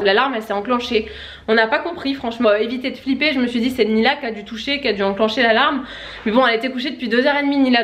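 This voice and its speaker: A young woman talks to her camera at home in a breezy, rambling way, full of little fillers. She speaks quickly in a slightly high voice. Her tone is casual and chatty, like a family vlog. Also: fairly bright tone. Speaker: family vlogger. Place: at home, indoors.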